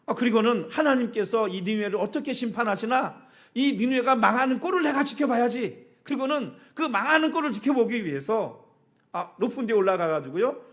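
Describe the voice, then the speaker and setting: A woman pastor delivering a sermon as vivid storytelling. She uses sound words, asks the congregation questions and often laughs as she speaks. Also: mid-range voice. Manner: laughs often while preaching.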